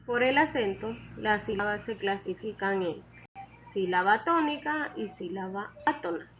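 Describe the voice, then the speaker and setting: A woman's voice: mid-range voice, unhurried, a bit bright, dull audio, slight background noise. A woman teaching a lesson, explaining step by step and patiently repeating key points.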